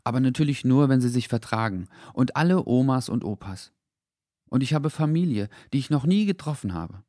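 A man voicing a young, kind-hearted boy in a children's audio story, talking earnestly and gently. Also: mid-range voice, lively intonation, a little fast, no echo, studio quality, voice pushed up, lightly acted. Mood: wistful.

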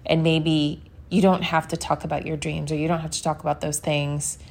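A drowsy woman rambles through a casual podcast monologue, her voice sitting a little low. She talks in a loose, chatty way, full of fillers and trailing asides. A faint hum of room ambience sits behind her. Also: little pitch movement, moderate pace, gravelly. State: sleepy, yawning. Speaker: podcast host. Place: New York.

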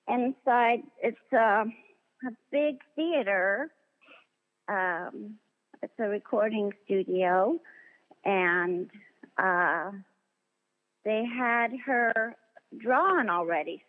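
A woman voice actress being interviewed, telling stories in a chatty, animated way and acting out the dialogue she quotes. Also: a little high. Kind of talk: casual interview anecdotes. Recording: tinny phone-line sound in a long reverb.

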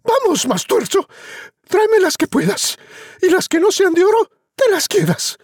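A man voicing a furious, scolding peasant mother in a storybook, shrieking high. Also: big pitch swings, normal speed, a little mellow.

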